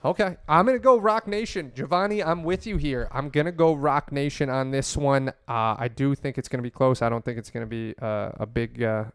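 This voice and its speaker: Smooth-voiced man joking around. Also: medium pitch, fairly quick, few pauses, no room sound, studio quality. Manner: crude joking banter. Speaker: podcast co-host. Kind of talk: casual chat.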